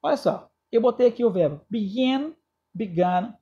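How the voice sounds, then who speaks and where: A man's voice: very high voice, expressive, moderate pace, breathy edge, dull audio. A man with a Brazilian Portuguese accent, teaching a recorded English grammar lesson and often checking in with his students. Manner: checks in with students often, spells out endings letter by letter.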